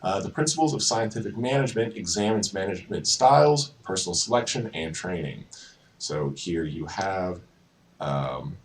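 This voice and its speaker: A man's voice: sits low, lively intonation, moderate pace, recorded from a distance, rough recording. A young man giving a casual psychology lecture over slides, with fillers and self-corrections. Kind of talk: informal slide-based lecture.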